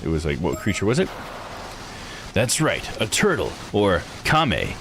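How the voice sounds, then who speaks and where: The host of this visual novel live playthrough has a lowish voice whose pitch swoops wildly, and he speaks at a measured pace. Against a noisy background with music behind him, he reads in-game text aloud and thinks out loud casually.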